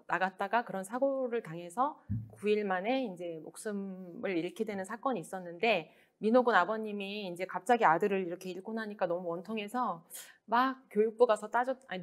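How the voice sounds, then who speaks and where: A woman author with a mid-range voice gives a book talk, speaking softly and in a measured way with many pauses and fillers.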